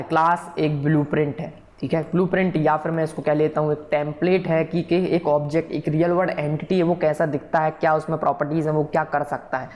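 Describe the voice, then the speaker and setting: A man's voice: fairly high pitch, a little mellow. Male coding instructor, patient and repetitive, keeps checking the class follows. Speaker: programming instructor. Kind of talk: recorded coding tutorial lecture.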